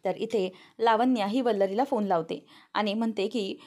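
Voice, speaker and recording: A woman's voice: medium pitch, normal speed, darkish tone. A young woman narrating a TV serial episode as a spoken story, voicing the characters' lines herself. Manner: narrates plainly, then lifts her voice for characters' quoted lines. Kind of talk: storytelling recap with acted-out dialogue.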